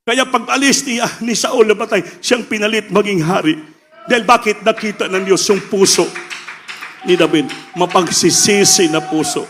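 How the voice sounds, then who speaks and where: A man with a Filipino accent preaching a sermon with passion, swinging between loud preaching and quieter asides. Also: sits high, moderate pace, soft background music.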